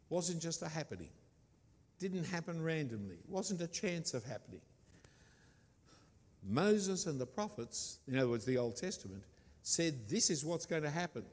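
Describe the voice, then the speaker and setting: A man preaching a sermon, stressing and repeating key words with deliberate emphasis. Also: fairly high pitch, darkish tone, big-room sound.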